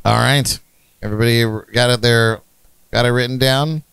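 A man's voice: mid-range voice, fairly even intonation, normal speed, gravelly, a bit bright, smooth, no echo. A man hosting a casual game night, joking around and reading comments from his viewers. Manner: joking, reads viewer chat aloud. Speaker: game host. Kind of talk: casual chat, running a game.

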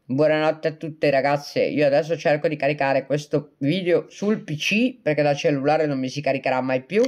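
A woman's voice: deep voice, moderate pace, darkish tone. A woman hosting a casual livestream, chatting with viewers in a joking way, reading out their comments and replying. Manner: chatty and joking, breaking often into laughter; reads out and answers viewer comments. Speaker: livestream host.

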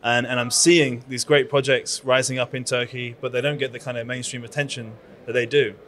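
This is a fairly quick, slightly bright mid-range voice with a level tone: a British man in his thirties from London who founded a conference and owns a PR agency. Holding a handheld mic at the conference booth, he chats eagerly in an interview, restarting often and using plenty of fillers.

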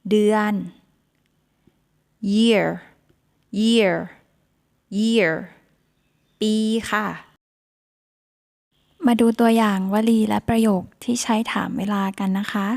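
A woman's voice: medium pitch, drawn-out words, gravelly, pauses often, a little mellow. A woman with a Thai accent teaching beginner English vocabulary, saying each word three times before she explains it.

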